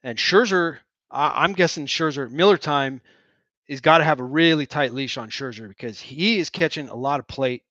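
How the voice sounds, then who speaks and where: Brief: irreverent man doing excitable fan play-by-play, dull lo-fi sound. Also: a little high, normal speed, no room sound. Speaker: host of a fan watch-along broadcast. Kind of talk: joking play-by-play commentary.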